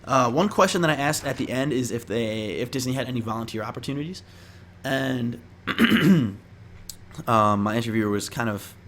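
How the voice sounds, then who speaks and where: Speaking to camera at a moderate pace, a young man shares interview tips in an informal, rambling, slang-heavy style. His medium-pitched voice is animated and fairly bright, with slight background noise behind it.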